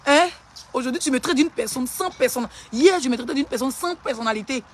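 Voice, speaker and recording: An Ivorian social media personality ranting and hurling insults in a live-stream clash, in a taunting, rapid-fire manner. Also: high voice, animated.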